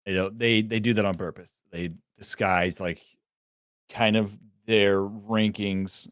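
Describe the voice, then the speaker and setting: A man narrating as game master, explaining in a relaxed way with many fillers. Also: fairly low pitch, unhurried, no echo, studio quality.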